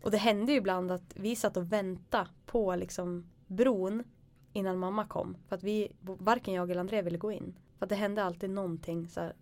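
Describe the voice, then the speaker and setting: A young woman tells a personal ghost story in a relaxed, casual conversation. She is animated and slips into her own past voice for the dialogue. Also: mid-range voice.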